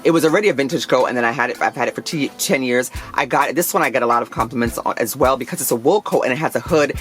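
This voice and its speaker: A woman in her thirties talks in a loose, chatty way, gushing with enthusiasm. She is a fashion vlogger speaking casually to her viewers, with soft music playing faintly behind her. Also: extremely low pitch, rapid-fire. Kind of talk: casual chat.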